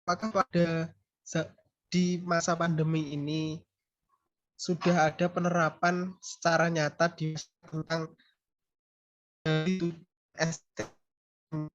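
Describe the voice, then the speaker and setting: A man on a video call hesitantly answering a class question, his voice breaking up and dropping out with many pauses and restarts. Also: fairly high pitch, little pitch movement. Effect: choppy, cutting-out video call audio. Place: home with frequent power outages. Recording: dull lo-fi call audio breaking up, faint guitar behind.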